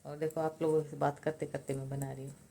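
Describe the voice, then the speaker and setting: An older woman chatting quietly in a casual home vlog at night, speaking softly and slowly so she won't wake her sleeping husband. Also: low-pitched, level tone, gravelly, a little hiss or hum. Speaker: vlogger.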